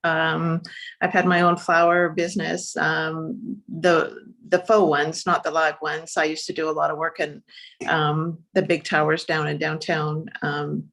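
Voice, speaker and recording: A woman's voice: low-pitched, little pitch movement, unhurried, creaky, fairly bright tone, low-quality recording. A woman artist from Vancouver introducing herself in a matter-of-fact way, with many ums. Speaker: exhibiting artist. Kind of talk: personal introduction. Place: arts centre gathering.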